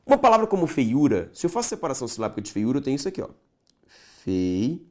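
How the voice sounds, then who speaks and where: A man's voice: mid-range voice, very animated, racing, darkish tone. A man teaching a grammar lesson, stretching key words and checking in with the viewer.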